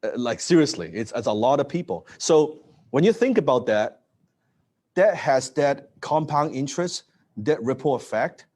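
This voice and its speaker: A man's voice: medium pitch, moderate pace. Guy in his late 30s doing a live business talk, lots of "right?", restarts words, mid voice. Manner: energetic, repeats words and asks "right?". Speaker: presenter.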